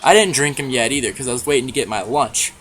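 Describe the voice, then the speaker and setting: A man telling a story in a casual vlog, offhand and full of swearing, often clearing his throat. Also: mid-range voice, fast talker, a bit bright, soft background music. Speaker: YouTuber.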